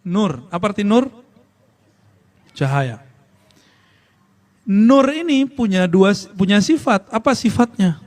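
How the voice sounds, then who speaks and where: A man giving an informal religious lesson, talking conversationally, quizzing his listeners and chanting Arabic phrases slowly. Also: high-pitched, expressive, a little mellow. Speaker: preacher teaching a study circle.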